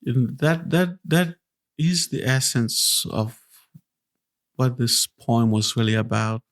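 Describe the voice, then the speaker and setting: A man from Zimbabwe hosting a podcast, talking in a slow, earnest and reflective way with restarts. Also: mid-range voice, steady tone. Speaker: podcast host.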